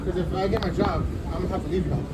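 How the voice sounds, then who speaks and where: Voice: medium pitch, fairly even intonation, very fast, far from the mic. A young adult chatting casually and slangily with friends outdoors. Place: outdoors on a ferry. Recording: off-mic, very loud wind and boat noise.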